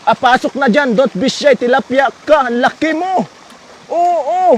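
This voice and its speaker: High-voiced man chatting on a fishing livestream. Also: moderate pace, a little hiss or hum. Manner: chatty and playful, laughs often, shouts with excitement when a fish bites. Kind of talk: live fishing commentary.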